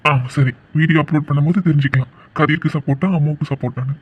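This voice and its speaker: A man's voice: a little high, fairly even intonation, racing, dull audio, a little hiss or hum, lightly acted. A man voicing a joking young man who teases his sweetheart with mock-polite sarcasm in a cartoon love story. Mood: teasing. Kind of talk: cartoon voice acting.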